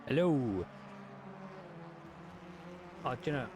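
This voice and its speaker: A man's voice: mid-range voice, big pitch swings, takes it slowly. A man giving casual, matey livestream commentary on a sim race, chatting informally with some mild swearing. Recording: noisy mic with engine sounds.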